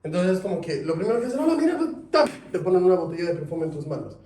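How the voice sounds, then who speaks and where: A man teaching a sales class, lively, asking his students questions. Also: a little high, very fast. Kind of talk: classroom lecture. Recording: echoey room, mic at a distance.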